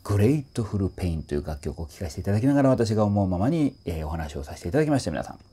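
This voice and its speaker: A man's voice: on the low side, rapid-fire, breathy edge. A man working as a voice trainer, explaining a song in a casual lesson and singing short phrases to show how they go. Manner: animated, sings short phrases to demonstrate. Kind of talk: casual music lesson commentary.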